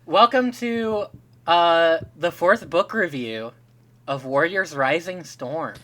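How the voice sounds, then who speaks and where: Lively bright-voiced man co-hosting. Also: a little high, slow pace, dry recording. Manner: joking, laughs often, teasing. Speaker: podcast co-host. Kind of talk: casual podcast chat.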